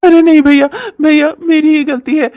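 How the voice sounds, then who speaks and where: A woman's voice: high voice, fairly even intonation, normal speed, warm tone, dry recording, lightly acted. Woman voicing a whiny, sly crybaby brother-in-law. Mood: fake crying. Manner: fake sobbing, whiny.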